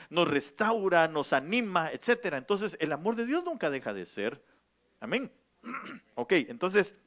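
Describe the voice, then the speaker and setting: High-voiced preaching man. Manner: preaching, rising to loud emphatic calls; asks the congregation questions. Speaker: pastor. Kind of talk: sermon. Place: church.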